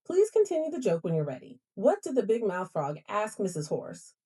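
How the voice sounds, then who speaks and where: A synthetic-sounding female assistant voice with a lively, rising and falling pitch and a mellow, darker tone. She answers in a polite, accommodating way, with a slight husky edge to the sound. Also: moderate pace. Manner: polite, accommodating, formal address. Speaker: smart home voice assistant. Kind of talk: assistant replies.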